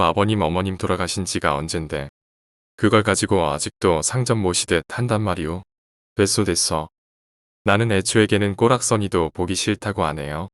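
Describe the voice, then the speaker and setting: A man voicing a sharp-tongued, dismissive middle-aged housewife while reading a horror story aloud. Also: low-pitched, no echo, clean studio sound, lightly acted. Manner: scolding, dismissive.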